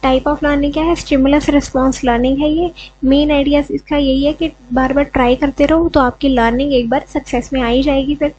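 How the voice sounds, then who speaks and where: A woman's voice: high voice, steady tone, brisk, a little mellow, highs cut off, slight background noise. A woman teaching an education lesson, explaining step by step and often checking in with "okay". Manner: mixes English terms, repeats "ठीक है" often.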